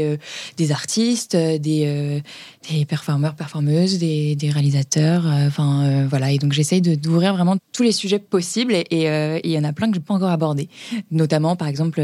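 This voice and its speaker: Low-voiced hesitant woman, mellow and dry. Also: dry recording. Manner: hesitant, searching for words with many restarts. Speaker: podcast guest, entrepreneur. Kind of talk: casual conversational interview.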